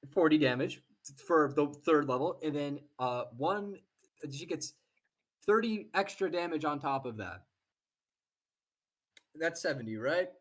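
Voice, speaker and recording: A man narrating a tabletop game as dungeon master, pausing often with fillers as he describes the combat in vivid detail. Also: on the high side, lively intonation.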